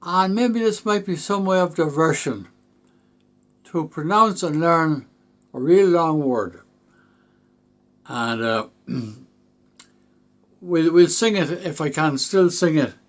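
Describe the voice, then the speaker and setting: A man speaking in a relaxed, casual way before leading a singalong. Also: a little high, slow pace, pauses often. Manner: relaxed, sings along to the backing music. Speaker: host.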